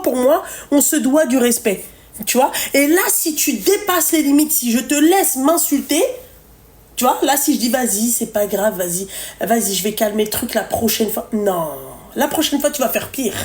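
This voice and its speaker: A woman's voice: high-pitched, a little mellow. A woman hosts a live stream, giving blunt relationship advice in casual chat, swearing freely and full of fillers. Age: 30s.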